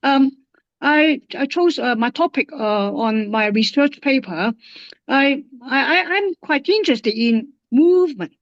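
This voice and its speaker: A woman from Hong Kong, a guest linguist, speaks Hong Kong-accented English in a casual interview, halting often with fillers and restarts. Her voice is high-pitched and expressive, and the recording is dry and lo-fi.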